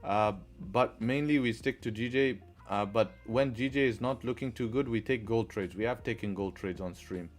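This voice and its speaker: With faint music behind him, a man with a mid-range voice speaks at normal speed, barely pausing. He hosts a live trading stream, walking through charts and answering chat with repeated rhetorical questions, and his accent is mixed, partly Arabic-sounding.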